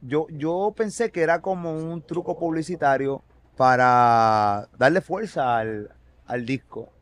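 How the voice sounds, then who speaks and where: A man's voice: fairly high pitch, slow pace. A man with a Puerto Rican Spanish accent hosting a casual interview, chatty and leading into his questions with memories of his own. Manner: chatty, prompting questions with recollections. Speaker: interview host.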